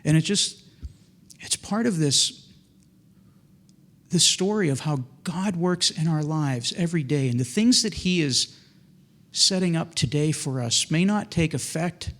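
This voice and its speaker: A man with a slightly higher voice tells a heartfelt personal story. He speaks earnestly and haltingly, often restarting and repeating his words, like a middle-aged speaker giving a testimony. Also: animated, fairly bright tone. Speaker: storyteller recounting a personal faith experience.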